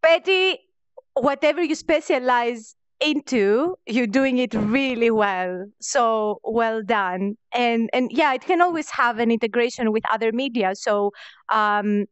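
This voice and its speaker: A woman's voice: a little high, measured pace, clean tone, dry recording, highs cut off. A woman from Greece, hosting a live-streamed online event in casual chat, hesitant and repeating words. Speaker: event host. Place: online virtual world event, home mic.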